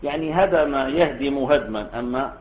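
A man's voice: mid-range voice, moderate pace. A male scholar giving a classroom lesson explaining a classical text, posing questions to his students as he goes. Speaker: Islamic scholar teaching a text. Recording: tinny phone-like lecture recording.

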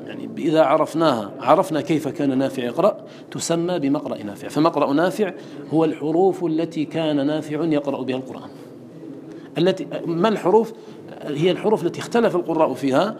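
A man's voice: a little high, a little mellow, slight background noise. A man teaching a class on Quran recitation. He explains terms, quotes verses and checks understanding with questions. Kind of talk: classroom lesson.

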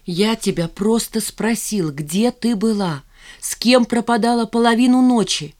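A woman's voice: fairly high pitch, a little slow, a little mellow, pitched above the performer's own voice, natural voice. A woman reading the part of a jealous, brooding young man in an audiobook, gloomy and reproachful.

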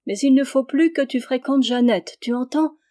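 A lively, teasing teenage island girl from an old storybook, put on by a woman reader. She talks quick and playful, pitched higher and louder than the narration, with a warm, mellow grain underneath. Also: close to an everyday voice.

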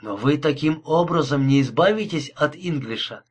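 A desperate young man pleads urgently, as a male audiobook reader voices him. The voice is husky and a little high. It stays close to the reader's own sound. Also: lively intonation, moderate pace.

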